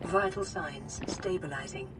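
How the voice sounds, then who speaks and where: A woman voicing a calm, caring suit computer that gives soft, even status reports. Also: low voice, a little slow, music in the background, low-quality recording. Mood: soothing. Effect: game voice played through the streamer's audio.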